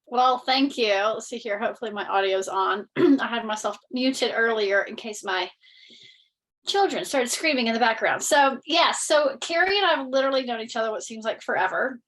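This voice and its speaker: A woman's voice: a little high, normal speed, fairly bright tone, poor audio. Blunt, chatty Southern woman. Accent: Southern American. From North Carolina. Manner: candid, blunt, chatty with many fillers. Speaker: network marketing leader. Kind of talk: webinar presentation. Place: home. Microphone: video call.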